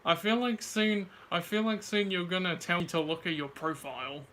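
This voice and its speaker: Guy just chatting w a friend, bright highish voice, slangy, some noise in the background. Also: moderate pace. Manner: swears casually, slangy. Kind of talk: casual chat.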